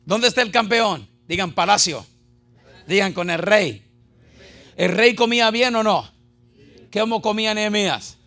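Male pastor, raspy gravelly tone, preaching with rhetorical questions and humor to a church congregation. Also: high-pitched, bright, forceful tone. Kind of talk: Spanish-language sermon with call-and-response.

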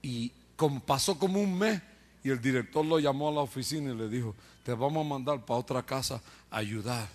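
A man's voice: medium pitch, brisk. A man preacher telling his testimony with humor, acting out other people's voices and laughing at himself. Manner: acts out quoted voices, jokes and laughs at himself.

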